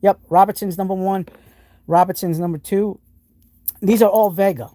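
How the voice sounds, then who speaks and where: On a casual live stream, a New England man from the United States shows off his tools and answers chat, excited and rambling with frequent sentence restarts. His high-pitched voice is mellow and warm, at normal speed, recorded close and dry with no echo and little room sound.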